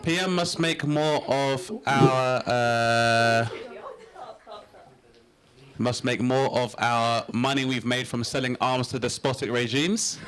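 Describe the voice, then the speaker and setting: A man's voice: mid-range voice, fairly even intonation, takes it slowly, fairly bright tone. A man on a comedy panel, delivering teasing punchlines with cocky confidence. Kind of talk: live comedy panel banter. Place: studio stage before a live audience. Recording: live studio with audience.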